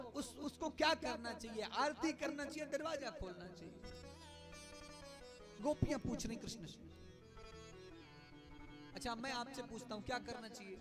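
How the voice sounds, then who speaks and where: High-voiced male preacher over loud music. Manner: storytelling, putting questions to the audience, joking. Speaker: Bhagavat Katha preacher. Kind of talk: devotional sermon with storytelling. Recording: live with loud accompanying music.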